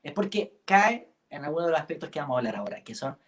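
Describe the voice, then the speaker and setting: A man's voice: a little high, big pitch swings, fast. A man co-hosting a singing workshop, talking casually and finishing his partner's sentences.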